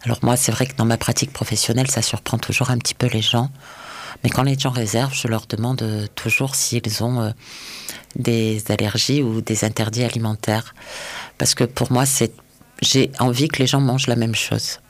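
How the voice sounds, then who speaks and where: A man's voice: medium pitch, flat delivery, moderate pace. Hesitant, thoughtful French man chef. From France. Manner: hesitant, thoughtful, many fillers. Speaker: restaurant chef. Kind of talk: interview answers.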